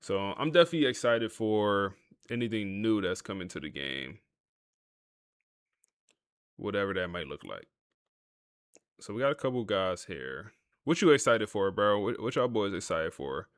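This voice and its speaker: A man's voice: fairly low pitch, sing-song, normal speed, pauses often, clean tone, dry recording, clean studio sound. A man hosting a gaming livestream, chatting casually to his viewers in a laid-back, talkative way while he plays. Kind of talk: casual live-stream commentary.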